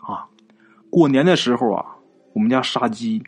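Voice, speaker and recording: A man's voice: medium pitch, moderate pace, slightly rough, close to an everyday voice. A man playing a rambling older villager. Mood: explaining. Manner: rambling, explanatory.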